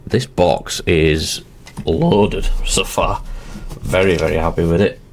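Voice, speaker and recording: A man's voice: deep voice, fairly even intonation, slow pace, a little hiss or hum. A man hosting his channel, chatting casually and talking himself through each step as he opens card packs at his desk. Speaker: channel host. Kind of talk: casual commentary while opening card packs.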